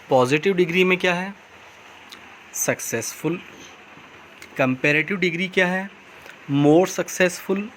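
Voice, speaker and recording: Slow, patient man teaching grammar. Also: fairly high pitch, fairly bright tone, slight background noise. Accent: Indian English. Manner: explains patiently, repeats key words, reads English rules slowly. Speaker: school teacher. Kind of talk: recorded grammar lesson over slides.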